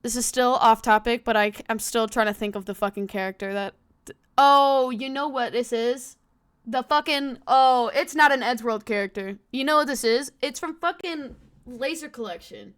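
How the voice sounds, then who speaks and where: A woman's voice: on the high side, normal speed, clear, resonant tone. A woman giving casual, sweary commentary as she streams a game. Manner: frequent swearing.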